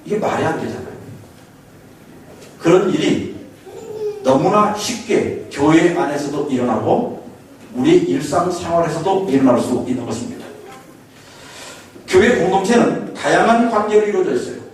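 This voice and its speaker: A pastor from Korea's Chungcheong region preaches a sermon lecture in a fairly high, expressive voice at normal speed, with long pauses. He tells folksy stories and chuckles often. The recording is from an echoey hall, far from the mic, with faint hiss.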